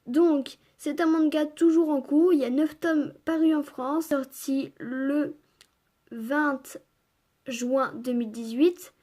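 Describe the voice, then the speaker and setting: A woman's voice: high-pitched, steady tone, slow, warm tone. A young woman chatting casually about her manga purchases, reading blurbs aloud, with many fillers and gushing remarks. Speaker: manga haul vlogger.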